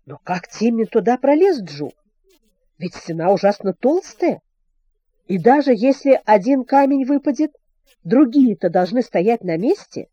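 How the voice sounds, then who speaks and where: A woman's voice: a little high, sing-song, unhurried, dark tone, slightly rough, dry recording, dull audio, full character voice. Woman voicing a doubtful questioning schoolboy. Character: curious schoolboy, practical and doubtful.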